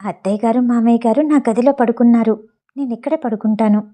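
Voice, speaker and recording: A woman narrator giving voice to a frank young bride, speaking in a hushed, coaxing way. The voice sits fairly high with a mellow, soft tone. It comes from an audio novel reading. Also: fairly quick, natural voice. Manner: hushed, persuasive.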